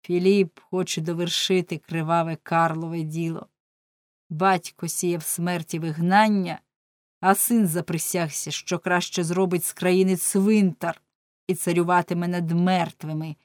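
A woman's voice: on the low side, dry recording, clean studio sound, natural voice. A woman reading a bold young jester's warnings. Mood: lamenting. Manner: pleading, urgent, mocking warnings. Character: bold young male jester, prophet of doom.

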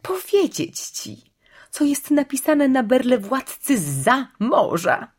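A woman's voice: high voice, sing-song, breathy edge, voice pushed up, exaggerated voice. A woman voicing a cruel, gloating witch queen who drawls her words and breaks into shrieks. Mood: mocking. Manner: mocking, drawn-out, sudden shrieks.

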